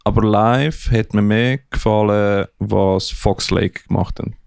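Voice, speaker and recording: Gravelly laid-back man, dry sound. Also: on the low side, steady tone, unhurried, darkish tone, no room sound. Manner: laid-back, drawling, sprinkles English words. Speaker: podcast co-host. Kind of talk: casual chat.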